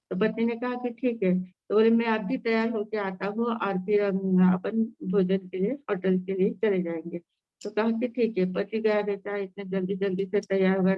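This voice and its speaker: Female preacher, storytelling sermon with fillers, mid pitch, dry online-call audio. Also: no room sound, lo-fi sound. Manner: storytelling with many fillers and restarts. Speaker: Jain nun teaching scripture. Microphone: online video call.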